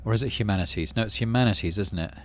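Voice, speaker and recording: A man hosting a gaming video reads the story aloud and muses to himself while deciding, speaking rapid-fire in a fairly low-pitched voice. Game music is in the background, and a little hiss or hum comes through.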